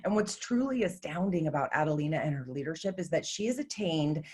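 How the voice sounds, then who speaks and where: Woman host, lowish voice, scripted intro, upbeat, emphatic, promotional, video call. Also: expressive, fairly quick, darkish tone, husky.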